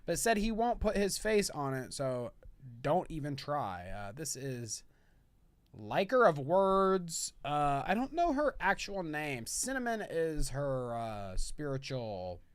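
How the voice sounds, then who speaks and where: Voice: mid-range voice, big pitch swings, slow pace, clean tone, no echo. A podcast co-host in casual chat, playful and teasing, laughing often.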